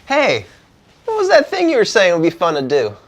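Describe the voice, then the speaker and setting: A man's voice: high-pitched, wildly swooping pitch, moderate pace, exaggerated voice. A man playing a sensitive macho buddy in a goofy, clueless sitcom voice, in an exaggerated 90s parody style. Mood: goofy, excited.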